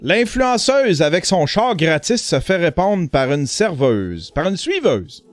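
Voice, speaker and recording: Mocking Québécois man with lively high voice. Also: measured pace, faint music behind. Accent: Québécois French. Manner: mocking, laughing, vulgar banter. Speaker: podcast host. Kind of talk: crude comic commentary on clips.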